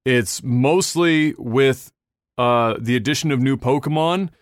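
A man's voice: medium pitch, measured pace, no echo, studio quality. A man hosting a casual gaming podcast, rambling through news with restarts and casual swearing. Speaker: podcast host.

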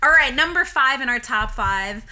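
Bright-voiced woman talking inside a closet. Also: sits high, animated, moderate pace. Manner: chatty and swearing. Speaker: podcast co-host. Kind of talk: casual chat.

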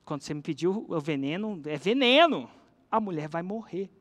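A storyteller doing a sly, calm Brazilian doctor. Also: medium pitch, moderate pace, pitched below the performer's own voice, close to an everyday voice. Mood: scheming. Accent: Brazilian Portuguese.

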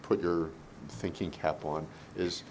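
A man speaking as a board member in a meeting, thinking aloud and haltingly as he questions a presenter. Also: steady tone, darkish tone, poor audio. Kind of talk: meeting discussion. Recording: low background noise in a meeting.

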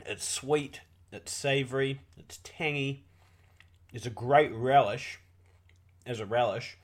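A man's voice: mid-range voice, slow. A man, co-hosting a casual chat and joking crudely with friends. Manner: crude, laughing, jokey. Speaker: podcast co-host. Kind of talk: casual banter.

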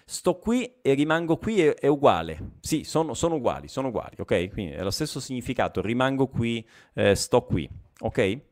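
A man teaching a live online language lesson, often checking in with "ok?", repeating key phrases, mid-pitched and steady. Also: a little fast.

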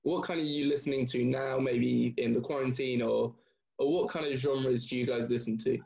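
A man's voice: medium pitch, steady tone, normal speed, vocal fry, a little mellow, highs cut off. A man hosting a podcast, asking questions politely and hesitantly, with plenty of ums. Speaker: podcast host. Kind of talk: casual interview. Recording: roomy.

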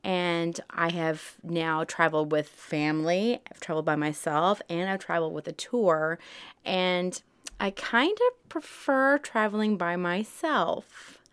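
A woman in her forties with a Southern US twang talks openly in an interview about her time abroad. Her voice is smooth and resonant and sits slightly low, and she laughs easily between her lines. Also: measured pace, a bit bright. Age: 40s. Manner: chatty, laughs often, candid. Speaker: interviewee, high school math teacher. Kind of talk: casual interview.

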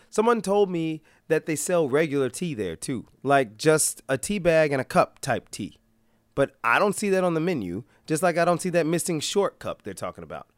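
An American man hosting a vlog, hoarse from being sick, giving a comedic rant in a sarcastic, exasperated manner. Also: mid-range voice, no room sound, clean studio sound. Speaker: vlog host.

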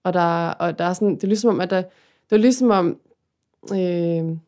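A woman's voice: lowish voice, mellow. Woman host in casual talk, open and confiding. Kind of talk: casual chat.

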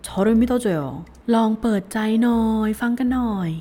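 A woman teaching a language lesson. She reads each phrase slowly, syllable by syllable, then says it at normal speed, and cheers her learners on. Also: on the high side, steady tone, warm tone. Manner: encouraging, cheerful, spells words out syllable by syllable.

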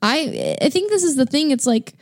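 A woman's voice: sits high, lively intonation, moderate pace. A woman co-hosting a casual talk show, reflecting thoughtfully and often saying "like". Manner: thoughtful, reflective, says "like" a lot. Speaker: podcast co-host. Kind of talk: casual conversation.

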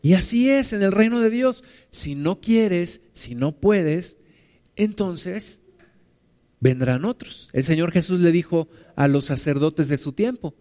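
A man preaching a sermon as a pastor, dropping to a hush and then rising loud. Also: high-pitched, animated, takes it slowly. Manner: dramatic, swings between hushed and loud.

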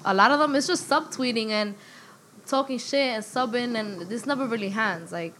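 A woman's voice: fairly high pitch, a bit bright, a little hiss or hum. A woman co-hosting a casual podcast, chatty and slangy. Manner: chatty, slangy, quick to laugh. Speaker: podcast co-host. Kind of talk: casual chat.

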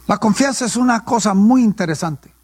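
A man's voice: sits high, lively intonation, brisk, a little mellow, husky, no room sound. A male pastor, preaching a sermon and asking questions that he answers himself. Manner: call-and-response preaching, asks and answers his own questions.

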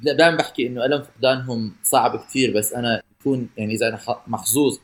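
A man co-hosting a casual podcast in a Levantine Arabic accent. He speaks very rapidly at a medium pitch, playful and given to repeating himself for emphasis. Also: fairly even intonation. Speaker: podcast co-host.

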